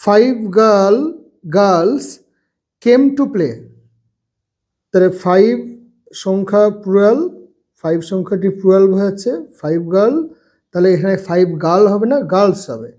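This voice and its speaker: A man teaching English grammar to children, slowly repeating phrases and spelling words out letter by letter. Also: high voice, darkish tone. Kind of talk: bilingual grammar lesson.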